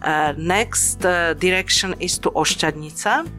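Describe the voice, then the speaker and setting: Low-pitched woman, hesitant guest, faint music behind. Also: measured pace, bright, forceful tone. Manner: non-native phrasing, hesitant. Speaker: local guest. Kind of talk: podcast interview.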